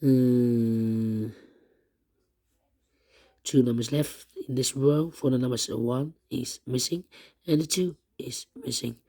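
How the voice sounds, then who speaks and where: A man who has partly lost his voice, walking through a puzzle step by step in halting, repetitive short phrases. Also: mid-range voice, fairly even intonation, creaky, warm tone. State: lost voice, strained and troubled. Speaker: puzzle tutorial host. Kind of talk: step-by-step puzzle walkthrough, thinking aloud.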